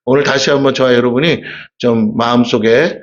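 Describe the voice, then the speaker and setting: A man's voice: medium pitch, steady tone, a little fast, lo-fi sound. A man with a Gyeongsang accent preaching a sermon in a church, talking conversationally and asking the congregation rhetorical questions. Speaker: pastor. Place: church sanctuary.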